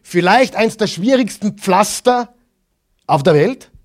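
High-voiced pastor preaching. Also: male voice, animated, slow. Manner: asks the audience questions and answers them himself; swings between loud stressed phrases and quiet asides. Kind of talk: sermon.

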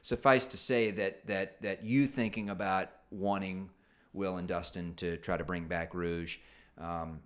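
A man's voice: deep voice, fairly even intonation, a little slow. A man co-hosting a cycling podcast, talking casually with lots of fillers and restarts. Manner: rambling, many fillers and restarts. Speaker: podcast co-host. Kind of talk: casual chat.

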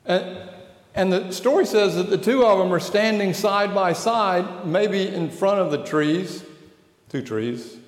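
A man's voice: sits high, measured pace. A man preaching a sermon in a conversational way, often turning questions to his listeners. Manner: conversational, asks the audience questions. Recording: echoey hall with long reverb.

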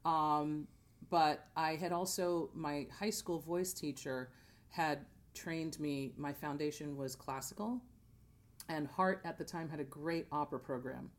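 A Jamaican-born American woman who grew up in New Jersey, a theater singer, speaks in a low voice that's a little slow. On a podcast she chats easily, telling her story and acting out small bits of dialogue.

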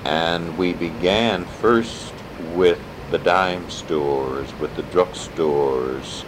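An older man gives an oral history interview, reminiscing in a halting, deliberate manner. His voice is very low and his pace markedly slow. A clear rumbling hum runs behind him on the tape. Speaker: interviewee, civil rights activist.

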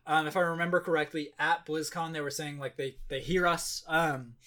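Casual co-host, male, high light voice, loose rambling delivery full of ums. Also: steady tone, a little fast, bright, forceful tone. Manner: rambling, frequent "um", laughs easily. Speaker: podcast co-host. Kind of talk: casual chat.

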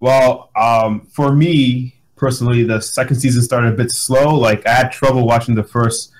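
A man's voice: medium pitch, steady tone, normal speed, rough recording. A man who is sick and sounds a bit off, with a stuffy nose, chatting casually as a podcast co-host. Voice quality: congested, stuffy-nosed from being sick. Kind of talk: casual chat.

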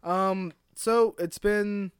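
High-voiced young man, rambling chat. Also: fairly even intonation, very slow, clear, resonant tone, no room sound, clean studio sound. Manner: rambling, joking, gets loud. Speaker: podcast host. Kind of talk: casual chat.

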